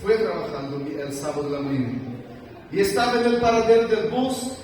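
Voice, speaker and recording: A man with a very high voice preaches a sermon in a large church hall, telling stories with strong feeling. His voice swings between loud, urgent passages and soft, hushed ones. It reaches the mic from far off, with a long, booming echo and faint background noise. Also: brisk. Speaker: guest preacher.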